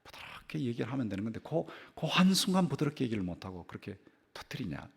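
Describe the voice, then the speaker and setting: With a fast, husky, medium-pitched voice marked by vocal fry, an older pastor tells a story during a sermon in his church sanctuary. He repeats phrases and lets his voice climb and fall sharply in an animated way.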